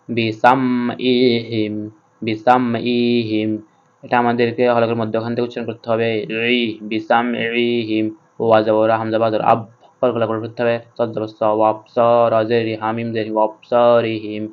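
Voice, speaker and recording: Even-voiced man teaching Quran reading. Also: on the low side, clear, resonant tone, highs cut off. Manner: slow, even, methodical letter-by-letter instruction. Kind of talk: spelling-out Quran recitation lesson.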